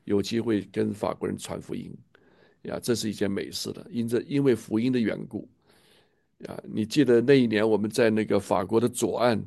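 Gravelly-voiced man preaching enthusiastically. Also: lowish voice, fairly even intonation, a little fast, warm tone, dry recording, clean studio sound. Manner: enthusiastic, preachy, repeats himself, trailing 呀 particles. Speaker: church leader. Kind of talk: casual church chat.

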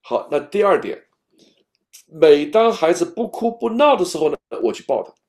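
Man, parenting talk, patient and expressive, fairly high-pitched, lively intonation. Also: moderate pace. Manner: animated and expressive, at times dropping to a soft whisper. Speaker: parenting speaker. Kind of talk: parenting talk, speaking straight to an imagined baby.

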